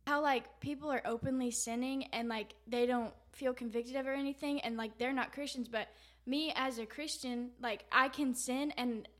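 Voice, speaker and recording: Young woman on a faith podcast, slightly high voice, lists stuff with lots of ums. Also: fairly even intonation, normal speed, fairly bright tone. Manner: listing points with hesitant fillers. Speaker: podcast co-host.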